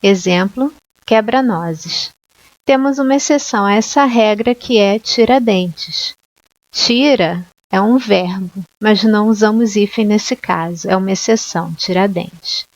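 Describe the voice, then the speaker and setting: A woman's voice: medium pitch, measured pace, no room sound, dull audio. A woman teaching a Portuguese grammar lesson, spelling out letters and repeating each example word with little check-in questions. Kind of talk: slow, deliberate grammar lesson.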